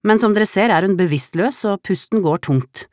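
A woman's voice: medium pitch, darkish tone, no echo, studio quality, pitched above the performer's own voice, natural voice. A woman doing an anxious, urgent young woman. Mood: distraught. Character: worried young woman, foster mother.

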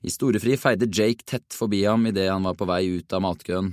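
A man narrating a children's storybook in an even, measured reading. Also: low-pitched, no room sound, studio quality. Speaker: audiobook narrator.

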